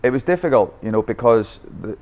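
A man with a Northern Irish accent, originally from Northern Ireland, founded a youth football academy and is telling his coaching story on a podcast in Bangkok. His voice is medium in pitch and a little mellow, animated and fairly quick. He's candid, with frequent restarts.

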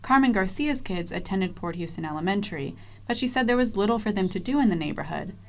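A woman's voice: mid-range voice, expressive. Woman narrating a news report. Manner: measured, descriptive. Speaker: field reporter.

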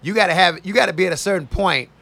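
A middle-aged man who works as a radio DJ, talking loosely in a casual interview and telling drawn-out stories. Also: high voice, creaky, bright, forceful tone. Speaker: radio DJ guest.

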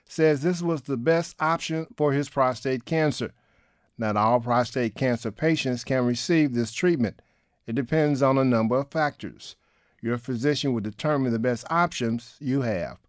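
A man's voice: medium pitch, dry recording, clean studio sound. A man reading a scripted news report as the host.

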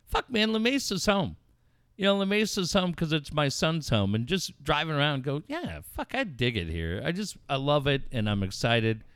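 A man's voice: on the high side, sing-song, moderate pace, a bit bright, clean tone, no room sound, clean studio sound. A middle-aged man from Southern California hosting talk radio, rambling and swearing in casual banter. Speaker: radio show host.

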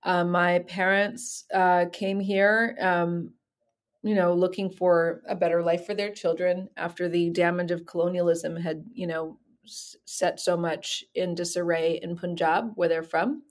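A middle-aged woman from the San Francisco Bay Area, a physician and co-author, speaking in a reflective, measured way with many fillers. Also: on the low side, flat delivery. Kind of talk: interview conversation.

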